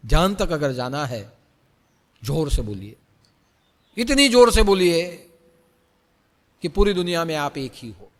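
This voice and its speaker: Man as spiritual teacher, sermon delivery, repeats lines, loud then hushed, higher lively voice, long hall reverb. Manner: repeats phrases, swings between loud urging and soft hush. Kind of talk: Hindi spiritual discourse.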